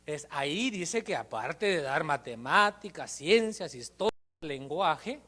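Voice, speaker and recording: A man preaching a sermon as pastor, telling a personal testimony in an animated storytelling way. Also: a little high, slow. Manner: animated storytelling, acts out quotes. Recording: long reverb of a church hall.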